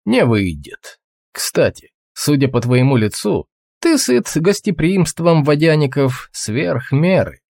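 A seasoned hunter, dry and laconic, as a man reads him. His teasing lines swing up and down in pitch. The voice is husky and close. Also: big pitch swings, slow pace, a little mellow, no room sound, full character voice. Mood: wry.

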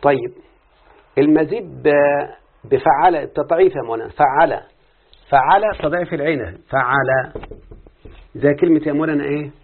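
An Egyptian man teaching a class, his voice slightly high and husky. He questions his students often and drags out the patterns he wants them to repeat. The sound is thin and phone-like. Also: moderate pace, pauses often. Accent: Egyptian Arabic. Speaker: teacher of Arabic morphology. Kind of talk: classroom lesson with student responses. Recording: tinny phone-like lo-fi recording.

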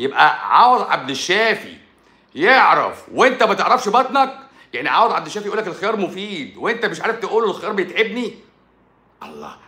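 An Egyptian man, a doctor hosting his own live stream, talking in an animated, sarcastic monologue and repeating points for emphasis. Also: high-pitched, reverberant. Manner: sarcastic, mocks critics in a playful tone; repeats himself for emphasis with frequent stumbles.

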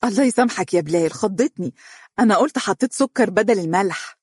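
A storyteller voicing a lively, teasing young wife in Egyptian dialect, pitching up to play her. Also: fast talker, slightly rough, dry recording. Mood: playful. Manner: bright, teasing, rising excited pitch. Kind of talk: storybook reading.

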